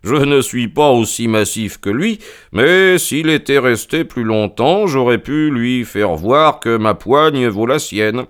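A cool, ironic detective with a smooth, clear voice, reasoning aloud without ever losing his composure, as a man reads him. His tone stays dry and faintly mocking in this storybook drama. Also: medium pitch, expressive, slow pace, a bit bright. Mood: amused. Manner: unruffled, dryly ironic. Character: sharp, calm, ironic male detective. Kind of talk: dramatized audiobook reading.

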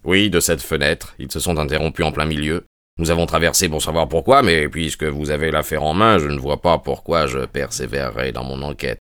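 A man voicing a sharp, commanding male detective in an audiobook, in a brisk and decisive manner. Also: extremely low pitch, smooth, no echo, clean studio sound. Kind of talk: audiobook character reading.

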